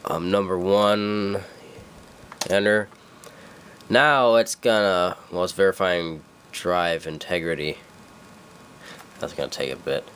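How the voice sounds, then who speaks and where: A young man with a stuffy cold rambles through a casual screen-recorded computer tutorial, correcting himself and leaning on lots of fillers. His voice is low and a bit bright, his pace slow with long pauses. He records in a dim room at his computer, with a faint hiss or hum in the audio.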